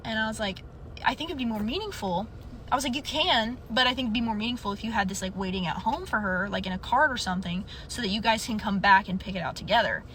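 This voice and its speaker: A woman's voice: mid-range voice, fast talker, slight background noise. A young woman casually telling a story from her customer service job, acting out the people in it. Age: young adult. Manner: animated retelling, acts out quotes. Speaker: storyteller in a clip.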